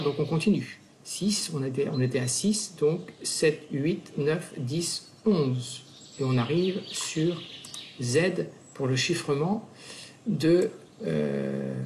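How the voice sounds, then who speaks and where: A man's voice: a little high, darkish tone, a little hiss or hum. A man giving a screen-recorded math lesson, counting steps aloud with many fillers and self-corrections. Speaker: math teacher.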